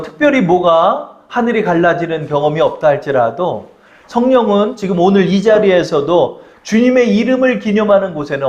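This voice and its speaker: A male pastor delivers a sermon in a high, animated voice that rises and falls widely. He keeps asking his congregation questions and has them say lines back to him. The recording is dull and lo-fi. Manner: acts out the tempter's taunting voice in quoted lines.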